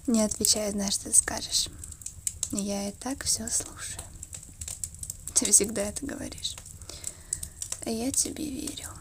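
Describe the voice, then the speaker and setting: A woman in an ASMR role-play as an affectionate, wistful girlfriend, murmuring slowly and intimately between a soft voice and a soft voice. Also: mid-range voice, noisy background.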